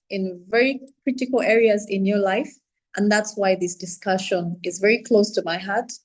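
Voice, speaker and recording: A woman's voice: mid-range voice, a little mellow, poor audio. A woman from Uganda, guest speaker on a video call, talking earnestly and steadily about her life. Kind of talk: personal talk.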